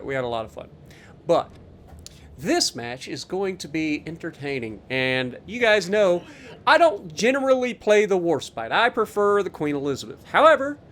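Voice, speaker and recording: A man giving casual after-action commentary on a naval warship game, joking and animated, with many fillers. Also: sits high, a little hiss or hum. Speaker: gaming YouTuber.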